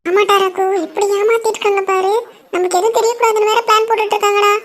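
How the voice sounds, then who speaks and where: A woman's voice: extremely high pitch, level tone, fast, noisy background. A woman voicing a meddling, spiteful middle-aged aunt in a cartoon, speaking in a gossipy, sly way. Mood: conspiring. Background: background music.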